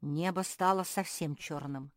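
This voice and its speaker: A woman slowly and expressively reading a children's story aloud. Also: deep voice, dry recording, clean studio sound. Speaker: narrator.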